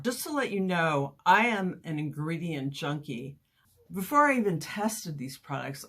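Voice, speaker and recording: A woman with a low voice explains products to her viewers in a video review. She speaks slowly and plainly, and a mild lisp makes her words sound a little padded. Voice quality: slight lisp, as if cotton in the mouth. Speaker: YouTube beauty and hair product reviewer. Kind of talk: sponsored product review to camera.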